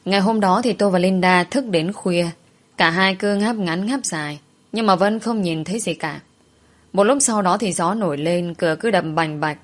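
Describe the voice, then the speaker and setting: A woman's voice: on the low side, moderate pace. A woman narrating a first-person story, dramatically voicing the heroine's fears.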